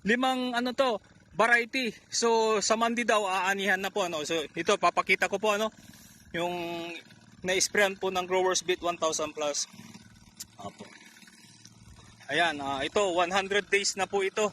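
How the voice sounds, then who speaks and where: A man promoting a fertilizer while walking through an onion field, excited and out of breath, talking to farmers watching. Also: high-pitched, moderate pace, long pauses, a little hiss or hum. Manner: excited, keeps pointing out crop size.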